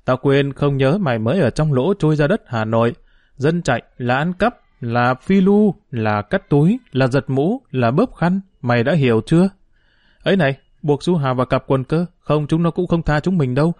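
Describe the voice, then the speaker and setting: A man voicing a streetwise, quick-tongued street boy in an audiobook, with teasing, lively banter. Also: a little high, dry recording, close to an everyday voice.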